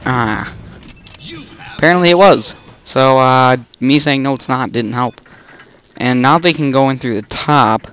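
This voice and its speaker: Slow-talking young man narrating gameplay. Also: mid-range voice, fairly even intonation, fairly bright tone, slight background noise. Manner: rambling, self-interrupting, easily exasperated. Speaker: gamer. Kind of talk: casual gameplay commentary.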